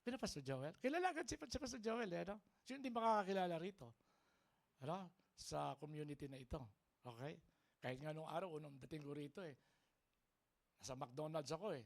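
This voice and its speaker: A man's voice: a little high, fairly quick, vocal fry. A man preaching a sermon as a pastor, mixing Tagalog and English and often checking for the congregation's agreement. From Philippines. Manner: lively, keeps asking the congregation for agreement. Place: church service.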